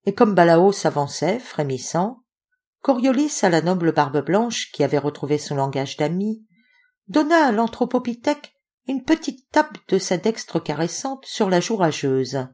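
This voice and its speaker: A woman reading a novel aloud as a volunteer audiobook narrator, with expressive delivery. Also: fairly low pitch, measured pace. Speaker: audiobook reader.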